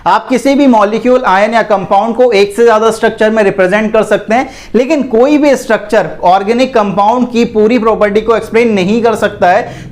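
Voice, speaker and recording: A man teaching an exam-prep chemistry lecture, asking the class questions and answering them himself, calling students "bhai". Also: sits high. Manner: repetitive, asks and answers own questions; calls listeners "bhai".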